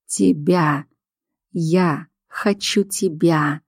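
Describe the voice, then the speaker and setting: A woman voicing a calm, controlling male alpha werewolf in an audiobook, speaking low and measured. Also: breathy edge, no echo, studio quality, heavily acted. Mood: controlled.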